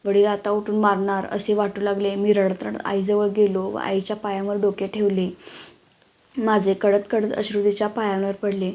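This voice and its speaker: A woman reading a story aloud, with steady, even delivery and small shifts for the characters' lines. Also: mid-range voice.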